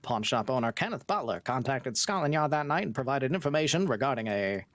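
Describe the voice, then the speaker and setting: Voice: mid-range voice, animated, no echo, lightly acted. A streamer doing an old-timey newsreader. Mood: formal. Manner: slow, formal announcer delivery. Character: old-timey newsreader reading a theft report.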